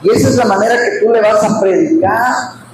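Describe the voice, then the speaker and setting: A man with a high voice delivers a sermon, firing questions at the congregation and chuckling between points. The recording sounds like a big echoey church hall. Steady background noise sits under his voice. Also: fairly quick. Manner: animated, questions the congregation and laughs often. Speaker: pastor. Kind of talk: expository sermon at a Bible study.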